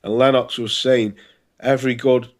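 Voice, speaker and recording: A man's voice: medium pitch, little pitch movement, normal speed. A man with a congested, pinched-nose sound, hosting a casual boxing preview vlog in an informal, hesitant way, as if thinking aloud. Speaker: boxing channel host.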